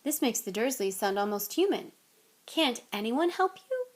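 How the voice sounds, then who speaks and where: A woman voicing a polite, nervous young boy wizard who keeps his voice hushed. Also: fairly high pitch, big pitch swings, normal speed. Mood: urgent.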